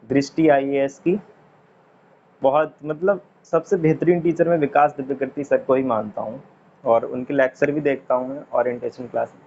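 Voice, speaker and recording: A male teacher gives a relaxed classroom lesson, repeating each word slowly and chatting between the words. His voice sits at an ordinary middle pitch. The recording is dull and lo-fi, with a faint hiss behind him. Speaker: English teacher. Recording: dull lo-fi sound, faint noise.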